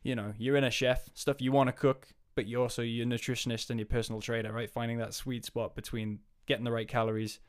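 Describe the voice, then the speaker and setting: Male coach guest, mid pitch, rambling casual chat with lots of restarts. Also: flat delivery, fast talker, hardly any pauses, clear, resonant tone. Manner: rambling, with many fillers and restarts.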